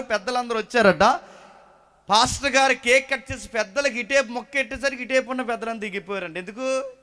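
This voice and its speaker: A male preacher with a notably high voice delivers a lively sermon. He throws out rhetorical questions and slips into quick impressions of people in his congregation. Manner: animated, rhetorical questions, mimics churchgoers.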